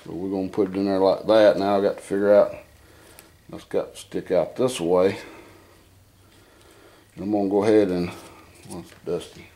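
A man's voice: deep voice, little pitch movement, normal speed, long pauses, mellow. A man casually explaining an engine job as he works, thinking aloud and muttering to himself in a dim workshop. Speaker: home mechanic. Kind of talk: casual how-to demonstration.

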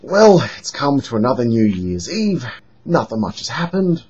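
A man's voice: medium pitch, normal speed, breathy edge. A young man with an Australian accent, talking through a sarcastic, mocking vlog monologue. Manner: lively, mocking, emphatic. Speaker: vlogger. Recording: dull lo-fi home recording.

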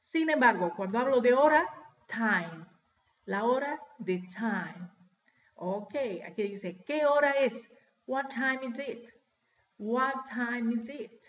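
A woman teaching English to children, talking slowly and carefully drawing out the English words she models. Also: fairly high pitch, animated. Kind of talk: recorded classroom lesson. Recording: echoey room.

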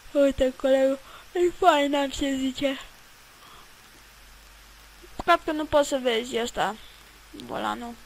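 A woman chats her way through a game in loose, rambling commentary. Her voice sits a little high and carries a gravelly fry, with a faint hiss of noise behind it. She swears at the game now and then. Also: fairly bright tone, low-quality recording. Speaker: let's play gamer. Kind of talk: casual gameplay commentary.

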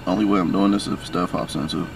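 A man's voice: low-pitched, steady tone, fast talker, vocal fry, far from the mic, very noisy. A young man bantering and joking with friends in a car. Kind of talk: casual banter. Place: inside a car at night.

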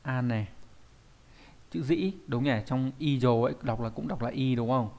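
A man's voice: medium pitch, moderate pace, a little mellow. A male teacher walks students through a Japanese grammar point in an online lesson. He explains patiently and thinks aloud with small fillers. He keeps checking whether they follow. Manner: explains patiently, often checks with "đúng không?".

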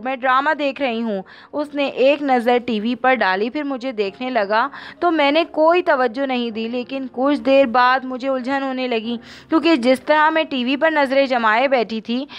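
A woman narrating a novel aloud in the first person, steady and even. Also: sits high, clean tone. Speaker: audiobook narrator.

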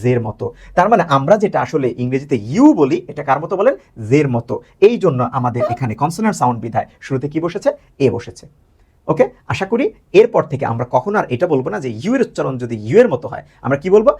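Husky, lively Bangladeshi English teacher. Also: male voice, a little high. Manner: quizzing viewers with questions he answers himself; drawn-out stressed example words. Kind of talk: grammar lesson.

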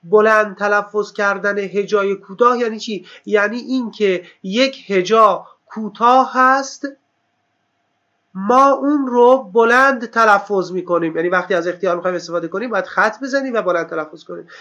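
A man with a high, bright voice reviews exam material like a teacher, drawing out key terms and asking and answering his own questions. The recording sounds dull and lo-fi.

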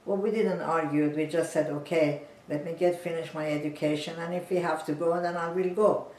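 Seated motionless on a sofa in her living room, an Iranian physician in her nineties recounts her life for an interviewer in plain, measured storytelling. Her low voice is a little mellow, with fairly even intonation. The camera sits some distance away, so the home recording sounds roomy and echoey, with faint ambient hum.

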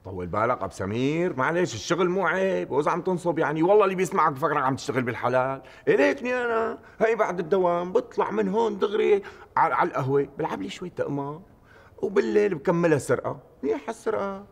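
An actor with a Syrian accent playing a cheerful, easygoing petty thief with a breezy manner. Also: male voice, sits high, racing, vocal fry, full character voice. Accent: Syrian Arabic. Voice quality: breezy, animated.

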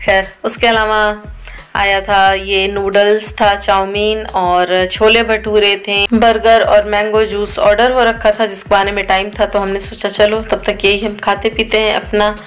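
A woman in her thirties from India narrates a casual vlog voice-over about her family's day out, chatty and full of fillers as she tells the story. Her medium-pitched voice is flat and measured in pace, with soft music playing behind her.

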